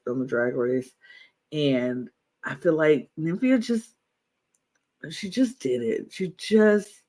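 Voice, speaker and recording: A man co-hosting a podcast, chatting casually and enthusiastically, rambling and repeating himself. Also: a little high. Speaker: podcast co-host. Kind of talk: casual chat.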